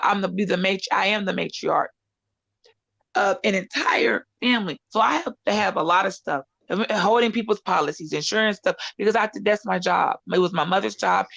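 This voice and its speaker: A woman's voice: medium pitch, gravelly, fairly bright tone, no room sound. A middle-aged American woman giving opinionated casual talk in a sarcastic, scolding, emphatic manner, as a participant in an online panel. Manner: sarcastic, scolding, emphatic, mimics opponents in argument. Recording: slightly dull, lo-fi online audio.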